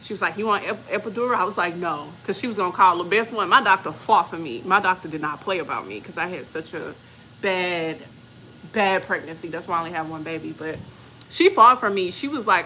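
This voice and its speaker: A woman, casually telling a personal story to her viewers and acting out quoted voices with lively pitch jumps. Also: a little hiss or hum, rough recording. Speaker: channel host.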